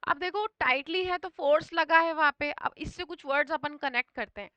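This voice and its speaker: A woman's voice: sits high, a little fast, bright, forceful tone, no echo, dull audio. A woman teaching English vocabulary for an exam in Hindi, mixing in English words and often checking in with her students. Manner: often repeats "thik hai" to check understanding.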